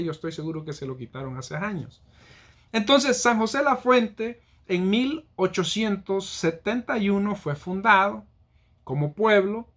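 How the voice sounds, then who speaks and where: Man, relaxed teacherly explainer, hesitant fillers. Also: high-pitched. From El Salvador. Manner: teacherly, walks through examples, frequent "eh" fillers. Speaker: local history presenter. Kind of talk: casual explanatory talk.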